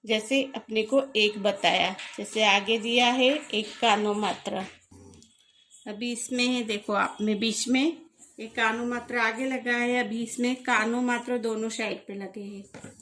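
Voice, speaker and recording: A woman's voice: fairly high pitch, a bit bright. A woman teaching a spelling lesson, patiently sounding out each syllable and repeating it.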